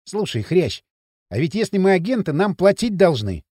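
A man's voice: sits high, big pitch swings, moderate pace, a little mellow, no echo, clean studio sound. A man voicing a grumpy, restless teenage boy in an audiobook, blunt and sarcastic. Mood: scheming. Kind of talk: audiobook character reading.

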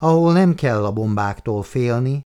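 A man reading an audiobook aloud in a calm, measured storytelling manner. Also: medium pitch, clear, resonant tone. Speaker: audiobook reader. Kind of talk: scripted narration.

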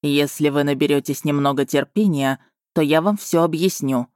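A man voicing a commanding wolf lord who speaks steely, calm and sardonic in an audiobook. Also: fairly high pitch, moderate pace, clean tone, dry recording, clean studio sound, lightly acted. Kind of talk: audiobook dialogue reading.

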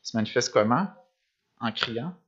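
Lively intonation marks this man's mid-range, fairly bright voice as he preaches at normal speed. He reads passages from the gospels and follows each with commentary full of rhetorical questions, sometimes restarting. Behind him is a screen in a church or meeting room, and the recording is dull lo-fi.

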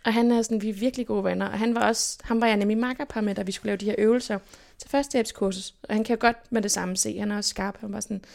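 A young woman from Denmark, telling stories from her life as an interview guest in a lively way and acting out what people said. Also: mid-range voice, gravelly, hardly any pauses. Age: young adult. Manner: lively, animated retelling with quoted inner speech. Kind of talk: casual personal storytelling.

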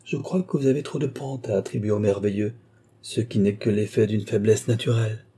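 A gentle princess soothes and reasons with tender compassion. A man reads her in a low, mellow, husky voice. It sounds like a classic novel read aloud. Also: fairly even intonation, brisk.

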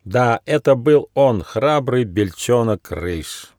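A man narrating a children's fairy tale in a slow, unhurried way. His pitch moves a lot as he tells the story. The voice is close and dry. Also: lively intonation, darkish tone, no room sound. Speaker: author reading his own book.

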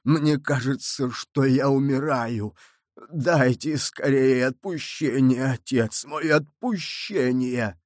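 A dying, guilt-ridden executioner, played by a male reader, begs for absolution in a faint, desperate voice. He pleads very slowly, with each phrase strained. The sound is dry and close, audiobook-style. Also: mid-range voice, darkish tone, no room sound, natural voice. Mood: pleading. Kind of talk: audiobook character reading.

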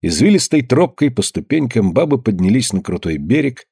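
A man narrating an audiobook in a measured, grave storytelling manner. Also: medium pitch, sing-song, gravelly, mellow, slightly rough, no echo, studio quality. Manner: measured, grave storytelling, slowing at somber moments.

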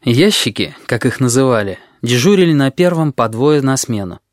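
A man reading an audiobook in the first person, telling the story in a measured, even way. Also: mid-range voice, over music. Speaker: audiobook narrator.

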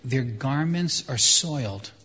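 A man preaching a sermon in short phrases, pausing for his interpreter. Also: mid-range voice, lively intonation, sharp tone, slight background noise. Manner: emphatic, pauses for translation. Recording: echoey hall, dull sound.

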